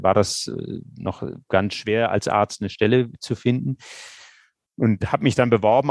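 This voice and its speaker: A middle-aged man with a low voice tells of his years as a doctor in an interview. He hesitates often and restarts sentences, filling gaps with small sounds. The recording is dry and close. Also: no room sound. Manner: hesitant, many fillers and restarts. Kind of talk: recounting experiences in an interview.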